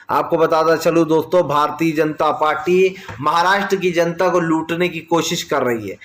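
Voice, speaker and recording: A man with a fairly high, slightly bright voice delivers opinionated political news commentary. He addresses viewers directly as friends, arguing his points insistently.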